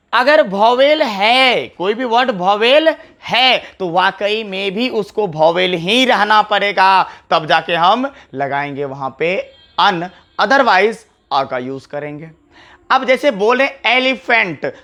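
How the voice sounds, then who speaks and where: A man's voice: high voice, animated, takes it slowly, bright, forceful tone. A man teaching English grammar on a whiteboard. He repeats key words and puts rhetorical questions to his students. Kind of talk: classroom lecture to camera. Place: classroom with a whiteboard.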